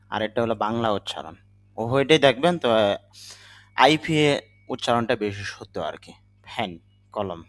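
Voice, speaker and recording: A man with a Bangladeshi accent, a native Bengali speaker, giving a patient spoken English lesson and spelling words out letter by letter. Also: mid-range voice. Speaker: English teacher.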